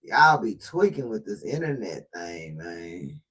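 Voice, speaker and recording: A man's voice: on the low side, sing-song, takes it slowly, fairly bright tone, husky. A man hosting a live reaction stream, chatting loosely and laughing as he agrees with what he just heard. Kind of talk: casual reaction commentary.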